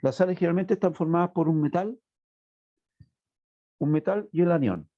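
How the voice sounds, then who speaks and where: A man's voice: fairly high pitch, normal speed. A man teaching a chemistry class online, explaining step by step and checking in with his students. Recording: tinny phone-like line.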